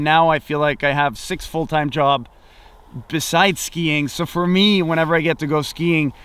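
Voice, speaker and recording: A man's voice: on the high side, a bit bright, clear, resonant tone, dry recording. A man in his thirties, a pro skier and vlogger, talking candidly outdoors in a casual sit-down interview, reflective and full of restarts. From Sweden. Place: outdoors on a snowy hillside. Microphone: off-camera mic, framed head and shoulders.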